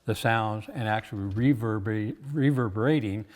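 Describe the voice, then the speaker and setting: A man's voice: on the low side, moderate pace, very noisy. A plain-spoken, folksy man informally explaining and demonstrating game calls he makes. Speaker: game call maker demonstrating his products. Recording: reverberant room with long echo.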